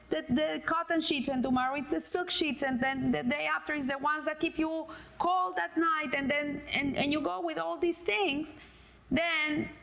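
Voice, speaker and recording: Woman, high voice, middle-aged, casual religious teaching, halting delivery with fillers. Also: fairly bright tone. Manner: hesitant, many fillers and restarts, tells jokes. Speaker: Torah teacher.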